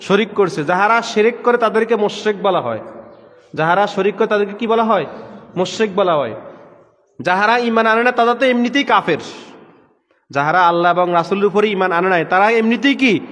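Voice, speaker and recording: A man's voice: high-pitched, moderate pace, fairly bright tone, big-room sound. A man preaching a sermon, asking his listeners a question on each point and answering it himself. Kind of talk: sermon with call-and-response questions. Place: gathering room with power trouble.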